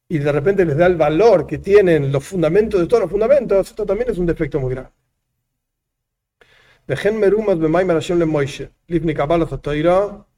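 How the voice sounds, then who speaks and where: Man, religious lesson, reads then explains, mellow fairly high voice. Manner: reads a line aloud, then explains it with repeated examples. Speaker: rabbi teaching a text. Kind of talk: religious lesson, reading Hebrew and explaining in Spanish.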